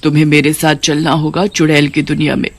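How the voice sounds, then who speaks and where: A calm, commanding queen of witches in a cartoon story, as a woman reader voices her. She speaks evenly in a slightly lower register. The recording is dry and close. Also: a little fast, no echo. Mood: regal. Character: kindly witch queen granting boons.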